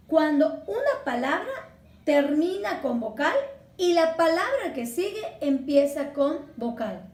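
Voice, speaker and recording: A woman's voice: high voice, darkish tone, echoey room. A woman teacher from Mexico, patiently explaining a Spanish lesson and spelling words out syllable by syllable. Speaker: secondary school Spanish teacher.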